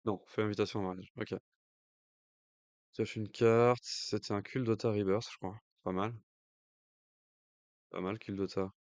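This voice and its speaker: A man's voice: fairly low pitch, fairly even intonation, a little slow, pauses often, darkish tone, no room sound. A man with a French accent giving casual live commentary on a card game match, thinking aloud with hesitant fillers. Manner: jokey aside in accented English. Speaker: stream commentator.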